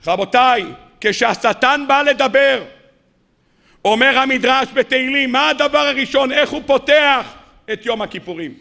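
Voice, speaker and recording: A man, a rabbi, giving a sermon, asking rhetorical questions and swinging between loud rises and quiet drops. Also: very high voice, creaky.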